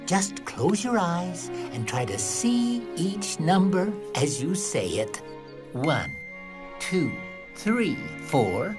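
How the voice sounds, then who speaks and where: A man's voice: fairly high pitch, heavily acted. A man voicing a fussy but patient grown-up rabbit in a children's cartoon, speaking in a precise, instructive and exclaiming way. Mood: earnest, patient. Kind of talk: animated children's cartoon acting. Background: music.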